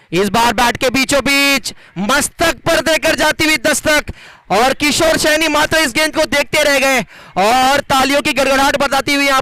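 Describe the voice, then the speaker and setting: A man gives live cricket commentary and announcements in a dramatic, flowery manner with drawn-out emphasis. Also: very high voice, pushed and bright, no room sound, rough recording.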